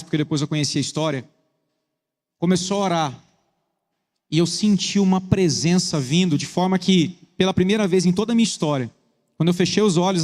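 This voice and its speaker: A man with a Brazilian Portuguese accent preaching a sermon with a personal testimony, earnest, moving between quick bursts and slow emphasis. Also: high-pitched, darkish tone. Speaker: pastor. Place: church hall. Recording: echoey church hall.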